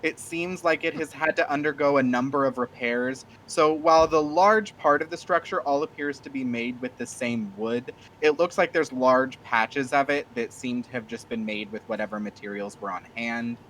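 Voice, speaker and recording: A man's voice: medium pitch, moderate pace, hardly any pauses, a bit bright, a little hiss or hum, poor audio. A man narrating a tabletop game as game master, rambling with many fillers. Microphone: streaming mic.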